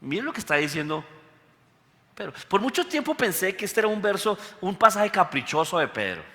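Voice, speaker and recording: A man preaching a lively sermon as pastor, full of rhetorical questions. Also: high voice, brisk. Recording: long hall reverb.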